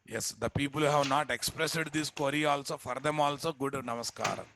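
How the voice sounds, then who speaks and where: A man's voice: medium pitch, fairly quick, bright, forceful tone, a little hiss or hum. A man with a Telugu Indian accent lecturing an online class informally and bluntly, repeating himself and tossing out rhetorical questions. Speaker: software instructor. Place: indoors at a computer, live screen-share class.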